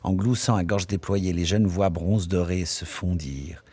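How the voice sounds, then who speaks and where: A man narrating a literary text as an audiobook, measured and expressive. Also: sits low, slightly rough. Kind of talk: literary reading.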